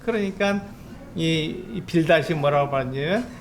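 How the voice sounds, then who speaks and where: A man preaches a sermon in a relaxed, explaining tone, his voice sitting high for a man. He lifts his pitch further when he acts out quoted speech. A faint background hiss lies under the recording, which was made in a church. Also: normal speed. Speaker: pastor. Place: church sanctuary.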